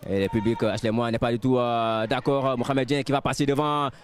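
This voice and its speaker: A man's voice: mid-range voice, flat delivery, a little fast. A man giving live football commentary as match commentator, with hesitant phrasing full of fillers. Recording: outdoor stadium with faint music and crowd.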